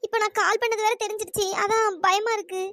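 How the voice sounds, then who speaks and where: A woman's voice: very high voice, flat delivery, quick pace, sharp tone, dry recording. A woman voicing a timid young woman in a cartoon story who pleads and apologizes fearfully.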